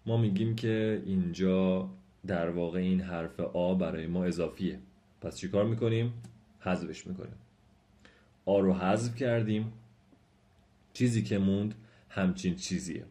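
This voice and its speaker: A man gives a language lesson in a deep voice with a mellow, dark tone. He explains each point patiently and says the example sentences slowly, repeating them. He speaks to his viewers politely and formally. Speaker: language teacher. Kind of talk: spoken lesson.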